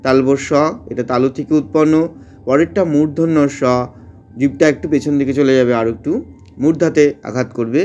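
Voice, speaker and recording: A man teaching Sanskrit verse pronunciation, chanting lines slowly syllable by syllable between short explanations. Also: medium pitch, warm tone, muffled recording. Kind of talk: slow syllable-by-syllable pronunciation lesson.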